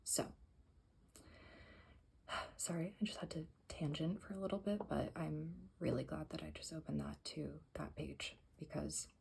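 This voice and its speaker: A woman whispering softly in an ASMR style, reading aloud and rambling with self-correcting asides. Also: low voice, lively intonation, measured pace, vocal fry, slightly rough. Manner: whispering and very soft-spoken. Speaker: ASMR creator. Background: faint music playing for plants, background hiss.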